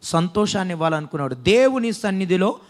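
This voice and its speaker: A man's voice: high-pitched, animated, fairly quick. A man with a Telugu accent, a pastor preaching a sermon in a church and reading scripture lines aloud for the congregation to repeat. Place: church hall.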